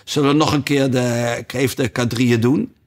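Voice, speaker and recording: A man voicing an impatient, bossy gryphon with loud, abrupt calls in a storybook reading. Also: medium pitch, steady tone, moderate pace, natural voice. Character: brusque impatient male gryphon.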